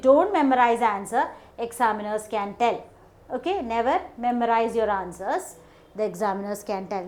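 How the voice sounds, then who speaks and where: A woman with a Malayali English accent teaches an exam lesson, stating each point slowly in English, then explaining it quickly in Malayalam, with frequent "okay". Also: mid-range voice. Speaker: English test tutor. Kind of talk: classroom-style lesson.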